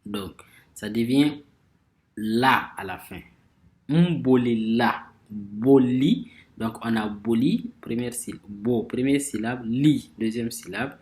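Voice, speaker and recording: Man teaching grammar, slow deliberate delivery, repeats himself, stresses example words. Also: medium pitch. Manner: slow, repeats words while searching for phrasing; pronounces example words slowly and emphatically. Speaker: language teacher. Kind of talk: grammar lesson explanation.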